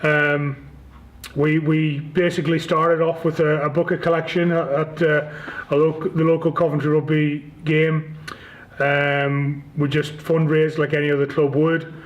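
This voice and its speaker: As a guest in an interview, a rugby league club chief executive from Northern Ireland, in his forties, answers casually with a Northern Irish accent and hesitant, stop-start delivery. He speaks on the high side, in a level tone and unhurried. The recording's highs are cut off.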